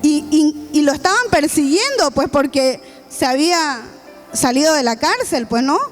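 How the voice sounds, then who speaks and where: A woman's voice: high-pitched, lively intonation, moderate pace. A woman preaching a sermon, retelling a scripture story with acted-out quotes and calls to the congregation. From Bolivia. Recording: faint music behind.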